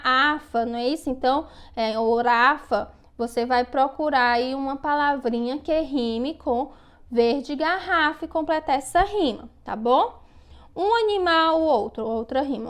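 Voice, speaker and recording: A woman's voice: sits high, clean tone. A woman teacher patiently explaining worksheet exercises to young children, often checking in as she goes. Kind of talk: online lesson walking through worksheet exercises.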